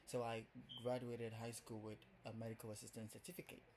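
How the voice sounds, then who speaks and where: With slight background noise, a young man from Ghana talks fairly quickly in a mid-range, somewhat mellow voice that barely moves in pitch. He has a Ghanaian accent and is making his first vlog, chatting to camera in a rambling way thick with "like" and "um".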